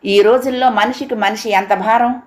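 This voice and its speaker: A woman reading aloud, voicing an angry, impatient grown son who argues in a sharp, raised voice. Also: a little high, steady tone, normal speed, voice pushed up, lightly acted.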